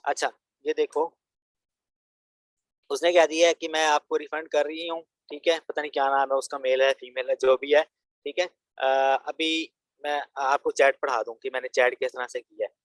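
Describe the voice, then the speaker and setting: A man's voice: fairly high pitch, flat delivery, moderate pace, no echo, low-quality recording. A young man, walking viewers through an online course tutorial in a casual, chatty way and often adding "theek hai" as a filler. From Pakistan. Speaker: online business course instructor. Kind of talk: casual screen-recorded tutorial.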